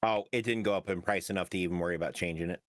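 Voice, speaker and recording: A young man playing along with a friend, making short relaxed remarks in casual chat. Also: deep voice, very fast, dry recording, studio quality. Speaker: co-player.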